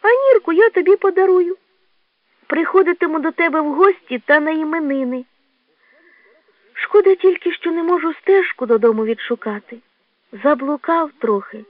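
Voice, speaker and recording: Smuhastyk, a shrill boastful badger cub, as a woman puts him on. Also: moderate pace, no room sound. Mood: wistful. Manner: shrill and excitable. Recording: tinny lo-fi dry recording.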